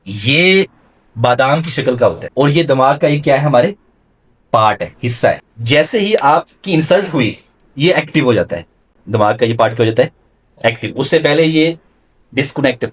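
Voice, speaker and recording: A man's voice: medium pitch, lively intonation. Man lecturing, quizzing his audience. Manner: quizzes the audience with questions and mixes in English terms. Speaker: religious scholar lecturing students. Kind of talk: classroom lecture.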